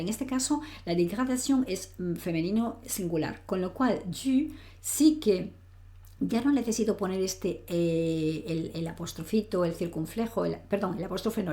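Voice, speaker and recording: A woman's voice: lowish voice, mellow. Patient woman teaching French grammar. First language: Spanish. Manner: patient, explanatory, frequent "¿vale?" check-ins; reads French example sentences aloud. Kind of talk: online grammar lesson.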